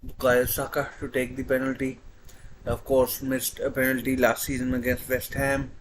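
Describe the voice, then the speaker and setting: A man commentating live on a football shootout as an anxious fan, halting and repeating his phrases. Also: mid-range voice, completely flat delivery, a little hiss or hum, low-quality recording. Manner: halting, hesitant delivery. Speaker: football watchalong host.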